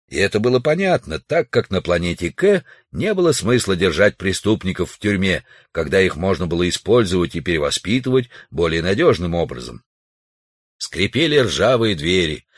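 A man reading a science-fiction audiobook in an expressive, lively storytelling manner. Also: on the low side, dry recording, clean studio sound. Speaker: audiobook narrator.

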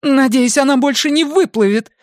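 Audiobook, male reader as a shrill furious woman, yelling, near tears. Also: moderate pace, no room sound, clean studio sound. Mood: distraught. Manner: screaming insults in a shrill high voice. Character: furious heartbroken woman, shouting and sobbing. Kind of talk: audiobook dialogue.

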